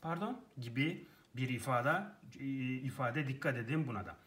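A man teaching an English lesson, explaining clearly and reading example phrases slowly. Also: medium pitch, lively intonation, a bit bright.

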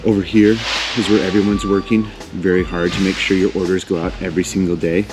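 Deep-voiced man giving a warehouse tour. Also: little pitch movement, fast, over music. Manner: upbeat, enthusiastic. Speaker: vlog host. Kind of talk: casual walk-and-talk tour. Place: large warehouse. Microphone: lapel.

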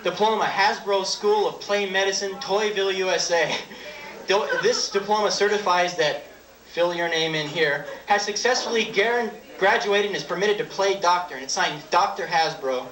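High-voiced young male comedian, roomy live stage. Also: fairly bright tone. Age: 20s. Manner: halting, offhand delivery. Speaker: stand-up comedian. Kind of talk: live stand-up comedy with props. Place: small dark theatre stage with audience. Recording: roomy old videotape, distant, audience noise. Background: audience laughter and crowd noise.

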